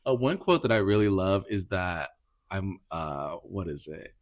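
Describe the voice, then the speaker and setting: A man's voice: sits low, expressive, unhurried. A man hosting a podcast interview in a casual, upbeat way, laughing often and talking with loose fillers. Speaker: podcast host. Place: indoor healing practice room.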